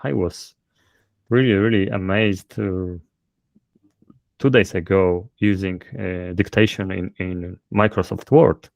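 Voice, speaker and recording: Slow and creaky, this man's low, darkish voice stays fairly even as he talks through his self-publishing methods with a thick Polish accent. It's a casual interview, he hesitates and fills gaps often, and there's no echo.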